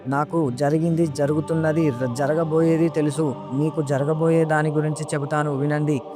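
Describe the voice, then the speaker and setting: A man's voice: fairly high pitch, little pitch movement, moderate pace, over music, lightly acted. A man voicing a young female demon who pleads earnestly to be taken as a wife, in a storybook reading. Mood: pleading.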